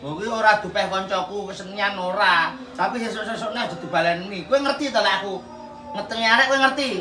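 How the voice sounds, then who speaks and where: A man's voice: sits high, fast talker, over music. A man with a Javanese accent, scolding indignantly in a village comedy sketch. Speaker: comic actor. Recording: roomy, recorded from a distance.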